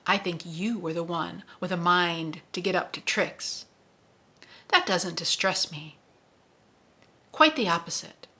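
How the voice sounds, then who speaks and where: A woman reading aloud as a stern male gunslinger, calm and measured. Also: lowish voice, full character voice. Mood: patient, stern. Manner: calm, measured, matter-of-fact.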